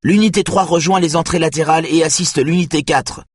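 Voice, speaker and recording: Brief: focused female police coordinator, voiced by a man, raised pitch, clipped delivery. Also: steady tone, a little fast, husky, no echo.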